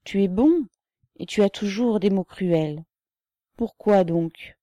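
A woman voicing a gentle, pious older mother in an audiobook, speaking softly and affectionately. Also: medium pitch, slow pace, no room sound, voice pushed up, natural voice. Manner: affectionate, soft-spoken. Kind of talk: audiobook character voice.

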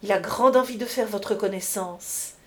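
A woman's voice: mid-range voice, normal speed, fairly bright tone, close to an everyday voice. A woman voicing a tender, scheming young courtesan in an audiobook reading, in a coaxing, intimate way.

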